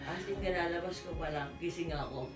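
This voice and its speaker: A woman's voice: fairly low pitch, fairly quick, recorded from a distance. A woman who is a new mother and vlog host, chatting casually with family. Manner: chatty, coos to her newborn. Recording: echoey room, voice from off-mic, music behind.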